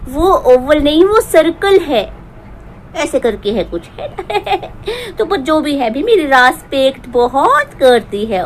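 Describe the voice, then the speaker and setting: A woman's voice: sits high, a little hiss or hum. A woman playing a jealous, self-pitying female vlogger in a comic parody monologue, rambling and sarcastic with bouts of fake tears. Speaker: parody performer.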